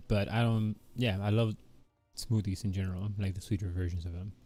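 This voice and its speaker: A man's voice: fairly low pitch, moderate pace. A man casually chatting with viewers while drawing on a live stream, rambling with lots of fillers. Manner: relaxed, rambling, many fillers like "you know" and "like". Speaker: livestreaming artist. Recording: soft background music.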